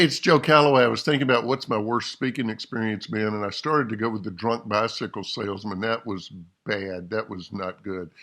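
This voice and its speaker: A man's voice: lowish voice, fairly bright tone. A man, a professional speaker, talking candidly to camera about a lesson learned. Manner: earnest, candid, upbeat sign-off. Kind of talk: reflective talk to camera.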